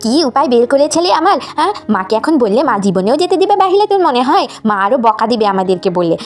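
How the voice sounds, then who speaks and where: A woman's voice: a little high, very animated, fast, soft background music. A woman voicing mischievous little twin schoolgirls who plead and whine in a puppet story. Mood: whispering. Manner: pleading, whiny, stammering.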